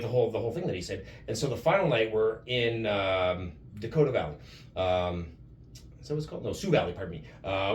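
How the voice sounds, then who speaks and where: A man from Canada, a guest wrestler, telling lively stories with plenty of swearing in a casual interview. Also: fairly low pitch, distant mic, slight background noise. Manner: animated storyteller, swears freely. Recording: roomy, off-mic with faint ambience.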